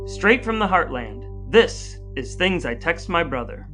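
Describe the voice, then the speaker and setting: Over music, an American man co-hosts a podcast in a somewhat high, sing-song voice at a measured pace. He shifts between scripted intros and casual chat, sounding playful, wordy, and announcer-like.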